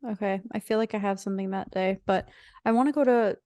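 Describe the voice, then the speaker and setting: A woman's voice: mid-range voice, steady tone, quick pace, dark tone, dry recording, clean studio sound. A young woman in her twenties co-hosting a casual podcast chat, easygoing and direct. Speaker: podcast co-host.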